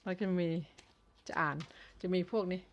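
A woman who runs a toy shop, chatting casually as she shows off a new toy, explaining in short, plain phrases with pauses between them. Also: dull audio, slight background noise.

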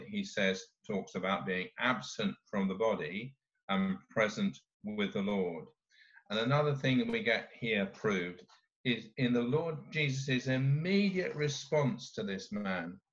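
A man preaching a sermon as a lay preacher, speaking deliberately and pausing for emphasis. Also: mid-range voice, fairly bright tone, dull audio.

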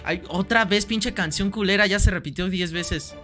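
A young man with a Mexican Spanish accent chats through a live game stream, bright and sharp in tone. He rambles playfully, swears offhandedly and says many lines twice. Soft music runs underneath. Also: high voice, moderate pace. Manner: playful, rambling, swears casually, repeats himself. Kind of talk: joking gameplay live stream. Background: faint background music.

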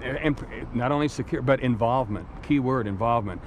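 Speaking fast in a medium-pitched voice, a middle-aged man doles out business advice during an outdoor interview on a waterfront pier. He's blunt and emphatic, often repeating words, while traffic hums in the background.

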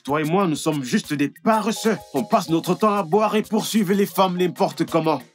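A man dubbing, in French, the role of an idle young villager who gossips and chases women. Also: high-pitched. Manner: excitable and gossipy. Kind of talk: French film dub. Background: background music.

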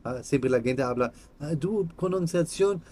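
A man in his thirties, a native German speaker with a German accent, chatting casually in halting, simple non-native Spanish as a vlog host. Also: on the high side, expressive, a little mellow, a little hiss or hum. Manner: halting, simple broken phrasing. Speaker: host of a card-opening channel. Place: small room indoors.

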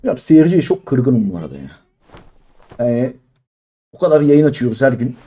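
A man in his thirties from Turkey, streaming a mobile game and complaining in exasperation as he opens crates, jumping between loud high outbursts and low mutters. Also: sing-song, normal speed, husky. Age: 30s. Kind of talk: live-stream crate-opening commentary.

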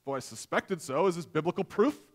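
Speaking into a headset mic that gives close, clean sound, a forties-aged pastor preaches on a church stage with a notably high voice for a man. His intonation is lively and his pace a little fast, and he stays conversational and self-deprecating, weaving in homely stories.

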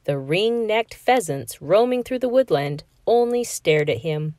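A woman reading a children's picture book aloud in an expressive, sing-song storytelling manner. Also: mid-range voice, a little slow, no echo, clean studio sound.

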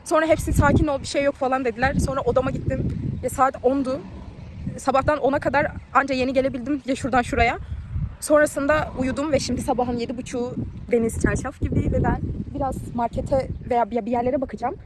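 A woman vlogging about a trip, telling a mishap story in a lively way and acting out what people said. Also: high voice, quick pace, very noisy. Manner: animated, tells a mishap story with quoted dialogue. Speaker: travel vlogger. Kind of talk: casual travel vlog storytelling.

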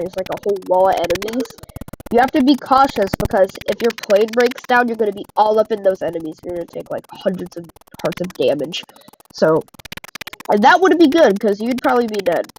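Young woman, gameplay commentary, excitable, rambling, faint game music behind. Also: mid-range voice, poor audio. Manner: excitable, rambling, laughs often. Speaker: gaming channel host.

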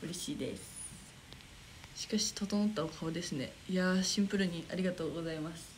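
A woman's voice: fairly low pitch, fast, a little hiss or hum, rough recording. A young woman with a Kansai accent chatting casually on a livestream, reading viewer comments aloud, giggling often and muttering to herself while she searches for the next one. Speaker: idol livestream host.

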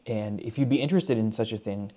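A man with a lowish, dark-toned voice talks fast while giving an unscripted, casual tech demo. He's a hobbyist presenter at a small home desk setup indoors, speaking conversationally and with some hesitation.

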